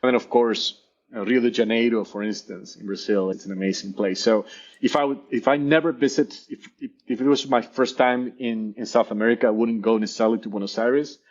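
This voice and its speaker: A professor appearing as a guest in a casual interview, a man who is a native Spanish speaker with an Argentinian accent, talks fairly quickly in a steady, medium-pitched voice. He's enthusiastic and often repeats words as he searches for them, and the sound is lo-fi.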